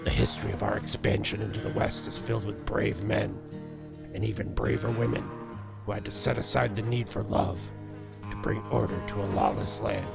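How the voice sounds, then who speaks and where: Man playing gravelly, rugged frontier Cupid narrator. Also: on the low side, fairly even intonation, normal speed, over music. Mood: grandiose, folksy. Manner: folksy, grandiose storytelling. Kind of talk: theatrical scripted narration.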